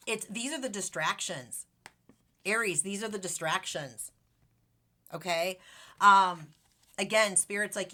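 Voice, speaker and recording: A woman's voice: mid-range voice, sharp tone. A woman giving a casual tarot reading to her viewers, bubbly and chatty, with affectionate asides and lots of fillers. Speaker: tarot reader.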